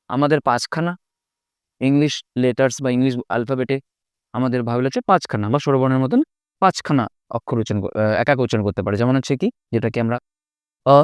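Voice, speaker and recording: A man teaching an English pronunciation lesson, repeating each sound slowly and often checking that his students follow. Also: mid-range voice, darkish tone, clean tone, no room sound. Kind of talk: spoken language lesson.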